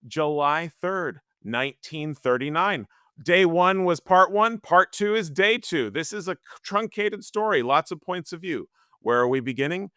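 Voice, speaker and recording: A man co-hosting a book-club podcast, talking in a measured, explanatory way. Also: mid-range voice, fairly bright tone, smooth, no echo, studio quality. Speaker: podcast co-host.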